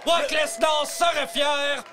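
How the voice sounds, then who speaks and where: A man giving live wrestling commentary, excitedly shouting out the moves amid a loud event. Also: very high-pitched, takes it slowly, over music, a crowd in the background. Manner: excited, shouting, echoes his partner's calls.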